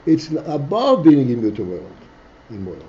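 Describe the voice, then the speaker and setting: Dark-voiced man teaching a text class. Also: mid-range voice, huge pitch swings, unhurried, muffled recording. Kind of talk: text study lesson.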